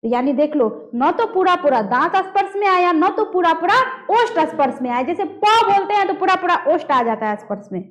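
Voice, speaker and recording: Her voice very high-pitched and animated, a woman talks a little fast with few pauses as she teaches a classroom grammar lesson on pronunciation. She demonstrates sounds aloud and quizzes her students.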